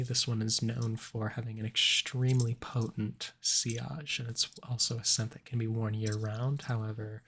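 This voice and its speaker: Guy doing asmr salesman roleplay, measured sales patter, lots of vocal fry, bit of background noise. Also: lowish voice, fairly bright tone. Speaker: cologne salesman in a role-play. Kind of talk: ASMR role-play.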